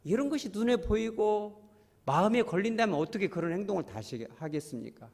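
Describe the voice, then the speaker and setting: A man's voice: sits high, animated, fairly quick, gravelly, darkish tone, big-room sound. A man preaching a sermon as pastor, talking with the congregation in a conversational way, asking them questions and acting out voices. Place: church.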